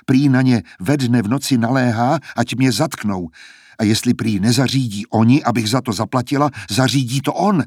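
A man's voice: medium pitch, darkish tone, breathy edge, no room sound, clean studio sound. A man reading aloud, voicing a frightened young woman singer who is anxious and pleading.

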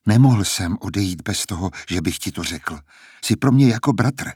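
A man's voice: low-pitched, expressive, a little mellow, slightly rough, no echo, clean studio sound, exaggerated voice. A man voicing an earnest, determined young man who talks in an urgent, persuasive way, in a storybook reading. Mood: heartfelt.

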